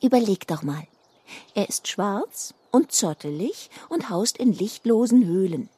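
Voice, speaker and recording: A woman's voice: medium pitch, lively intonation, unhurried, breathy edge, no echo. A woman voicing a teasing, secretive young elf girl in a children's story. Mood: teasing knowing. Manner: teasing, secretive, hushed at times.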